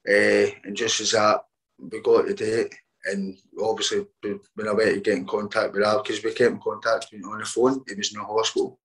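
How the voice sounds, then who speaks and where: A man, a boxer, telling his story in a casual interview, halting and repeating words as he quotes what others said. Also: on the low side, flat delivery, a bit bright, poor audio.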